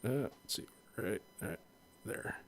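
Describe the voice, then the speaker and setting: A man co-hosting a podcast, chatting casually in a laid-back, easygoing way. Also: slow pace. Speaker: podcast co-host. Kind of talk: casual chat.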